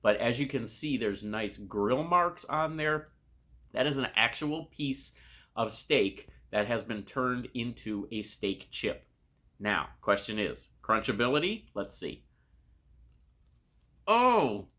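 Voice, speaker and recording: A man with a bright, crisp-edged voice hosts a casual food review. He speaks straight to the camera in an informal way, tasting and crunching chips between his comments. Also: medium pitch, lively intonation, unhurried. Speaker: snack review host.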